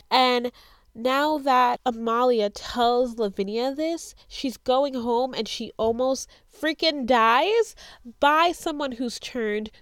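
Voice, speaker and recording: A young woman recaps a TV episode with heated, emphatic passion, often repeating a phrase to drive it home. Her voice sits a little high and sounds dry and close to the mic. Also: dry recording.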